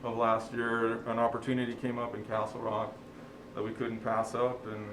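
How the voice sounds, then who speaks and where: A friendly man from Chile who owns a restaurant, talking in a rambling way full of ums and uhs. His pitch is medium for a man, and a roomy studio echo with faint hiss surrounds him. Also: completely flat delivery, normal speed. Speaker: restaurant owner. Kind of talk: interview.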